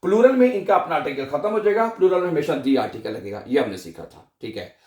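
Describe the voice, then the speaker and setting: A man's voice: fairly high pitch, very animated, fast, a little mellow. A man with a Pakistani Urdu accent teaching German grammar in a lesson, repeating each form and asking the listener to say it back. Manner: repeats forms and asks the listener to echo them.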